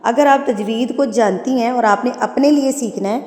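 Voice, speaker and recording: Woman tajweed teacher, patient slow spelling, higher voice, long reverb. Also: a little mellow. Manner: patient, explains then spells words slowly syllable by syllable.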